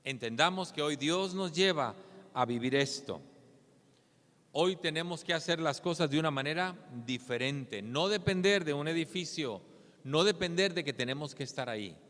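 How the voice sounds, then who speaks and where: A man's voice: on the high side, expressive, normal speed, a bit bright, long reverb tail. A man preaching a sermon as a pastor. He speaks earnestly and keeps asking rhetorical questions. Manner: earnest, asks rhetorical questions with a tag "¿verdad?".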